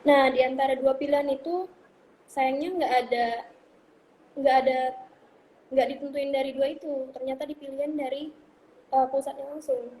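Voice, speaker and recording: A woman's voice: high-pitched, fairly even intonation, normal speed, pauses often, a little mellow. A young woman in her twenties answering interview questions over a phone call, rambling and searching for words with many fillers. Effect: heard over a phone or online call. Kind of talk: casual interview. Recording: phone-like line with faint noise.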